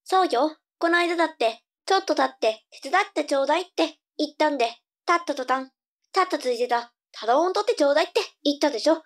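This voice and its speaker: A woman's voice: sits high, lively intonation, fast. A woman playing a cheeky young girl, a sassy little sister, with cute anime delivery in a tongue-twister audio drama. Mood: grumbling.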